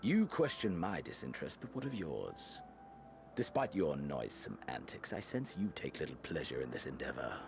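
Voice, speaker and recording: A man playing a bored, nihilistic villain lord in a video game, speaking with slow theatrical menace and brooding weight. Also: a bass voice, big pitch swings, gravelly, over music, heavily acted. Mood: cold challenge. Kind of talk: dramatic video game voice acting.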